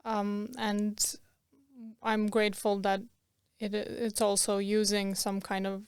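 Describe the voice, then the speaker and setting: A woman's voice: mid-range voice, monotone, slow, clean tone, no echo, clean studio sound. A young woman from Croatia, a podcast guest, chatting casually with lots of fillers and laughs. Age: young adult. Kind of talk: casual interview.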